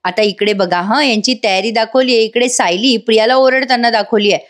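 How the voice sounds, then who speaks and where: Woman review host, chatty voice-over recap, talks to the viewers, pitched a touch high. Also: fairly quick. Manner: chatty, addresses viewers directly.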